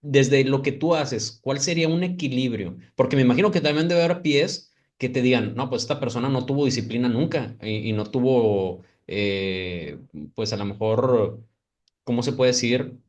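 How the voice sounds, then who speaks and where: A man's voice: medium pitch, moderate pace, darkish tone. A man hosting a podcast interview, asking questions in a hesitant way and repeating words as he thinks. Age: adult parent. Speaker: podcast host. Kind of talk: conversational interview.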